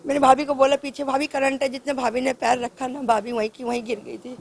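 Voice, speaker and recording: A woman's voice: high voice, flat delivery, a little fast, gravelly. A woman recounting an accident to a news reporter step by step as an eyewitness. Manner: recounts events step by step, acts out shouts. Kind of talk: news interview testimony.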